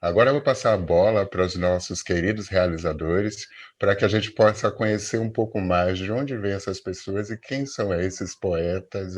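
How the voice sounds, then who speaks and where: A man from Salvador moderating an online debate over a video call, in a measured and ceremonious manner. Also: sits low. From Salvador, Bahia, Brazil. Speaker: debate mediator. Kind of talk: formal online panel moderation.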